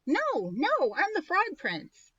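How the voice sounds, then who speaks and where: A woman's voice: very high voice, huge pitch swings, takes it slowly, fairly bright tone, no room sound, dull audio, pitched above the performer's own voice, exaggerated voice. A woman voicing an eager young frog prince who pleads insistently and gets flustered. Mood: pleading.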